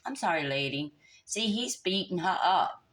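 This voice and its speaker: A low-pitched woman reading tarot cards in a casual, chatty way. She scolds and teases the listener directly, full of sass and lively asides. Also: normal speed. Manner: sassy, scolding, talks straight at the listener; animated, laughs and hums disapproving "mm-mm-mm". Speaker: tarot reader.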